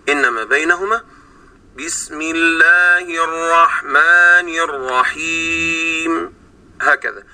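A man with an Egyptian Arabic accent, teaching Quran recitation on a radio program and stretching sounds slowly to demonstrate them. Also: fairly high pitch, pushed and bright, husky. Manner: slow drawn-out sounds to demonstrate. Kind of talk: explaining pronunciation on a radio program. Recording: distant radio broadcast sound.

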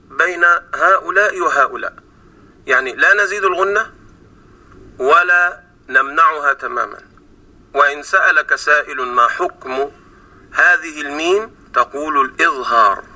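Bright-voiced Egyptian man teaching recitation. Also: fairly high pitch. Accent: Egyptian Arabic. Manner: slow drawn-out sounds to demonstrate. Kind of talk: explaining pronunciation on a radio program. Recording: distant radio broadcast sound.

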